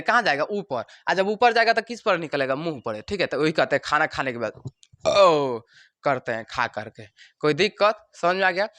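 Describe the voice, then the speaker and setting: A man teaching a science class, animated and joking, acting out the parts of the body as little characters and checking again and again that the students follow. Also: high-pitched, no echo. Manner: keeps asking if students understood. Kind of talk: classroom lecture.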